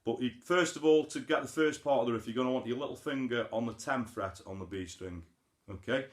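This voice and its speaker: A guitar teacher who hosts an online lesson series gives a casual, chatty tutorial, explaining informally step by step at a fairly quick pace in a medium-pitched voice. The sound is roomy, with acoustic guitar playing behind his voice.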